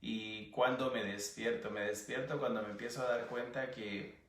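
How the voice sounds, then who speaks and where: A man from Guatemala with a Guatemalan Spanish accent, giving an earnest personal testimony as an interview guest, sometimes pausing to search for words. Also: mid-range voice, echoey room, far from the mic. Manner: earnest, searching for words, animated when recounting.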